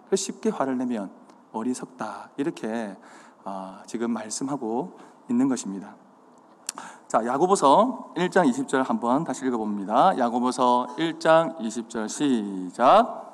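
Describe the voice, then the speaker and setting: A man preaching a sermon, quizzing his congregation with questions and acting out the signs of anger. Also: mid-range voice. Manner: animated, acts out anger. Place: church sanctuary. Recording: hall reverb.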